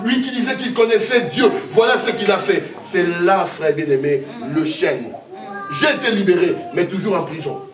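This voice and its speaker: A man's voice: high-pitched, expressive, normal speed, a crowd in the background. A man, a pastor giving an emotional testimony sermon, telling his story with many repeated phrases. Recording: echoey room, voice from far off.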